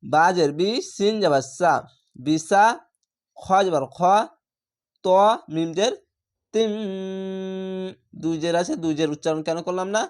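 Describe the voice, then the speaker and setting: A man with a slightly high voice leads a Quran reading lesson. He names each letter and its vowel mark in a patient, even manner. Then he chants the joined word slowly and stretches it out. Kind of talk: spelling-out recitation lesson.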